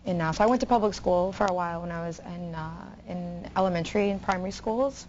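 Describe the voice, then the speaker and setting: A woman's voice: lowish voice, quick pace, darkish tone. A woman, a guest author, earnestly telling her life story in a TV interview with fillers and restarts. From Bahamas. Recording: dull audio, faint noise.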